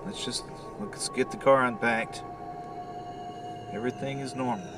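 A man's voice: medium pitch, steady tone, a little slow, music in the background, close to an everyday voice. A man playing a jittery, paranoid man in a suspense audio drama, agitated and given to muttering to himself. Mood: forced calm. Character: jittery, paranoid man haunted by an unseen stalker.

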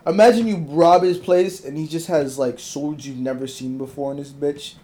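A man's voice: a little high, steady tone, normal speed, mellow. A young man joking around on a group voice call, spinning playful bits. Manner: jokey, playful. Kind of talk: casual chat on a voice call. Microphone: voice call mic.

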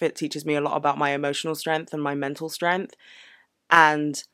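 Woman vlogger, candid and earnest, crisp smooth voice, dry close sound. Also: low-pitched, a bit bright, no echo. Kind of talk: casual reflective Q&A vlog.

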